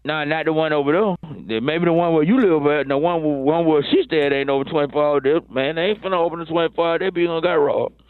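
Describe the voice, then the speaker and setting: A man's voice: fairly high pitch, steady tone, fast, smooth, no room sound. An actor playing a rambling grown man who calls in over the phone with excuses, slangy and stammering. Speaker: caller. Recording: tinny dry phone line.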